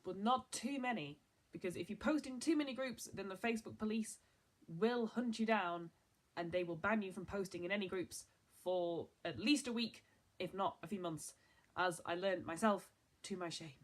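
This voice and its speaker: A woman's voice: medium pitch, normal speed. A young woman presenting a casual online marketing tutorial in an upbeat, chatty way, with a lot of "so" and "like".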